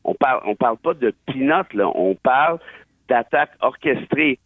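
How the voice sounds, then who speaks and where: A man's voice: medium pitch, expressive, moderate pace, dry recording. A man with a Québécois accent giving emphatic, opinionated radio commentary with wry asides. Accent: Québécois French. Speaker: political and legal commentator. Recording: tinny dry phone line.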